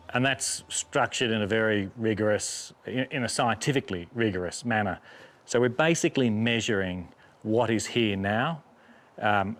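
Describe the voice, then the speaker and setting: Low-voiced man explaining in an interview. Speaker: conservation organisation spokesman.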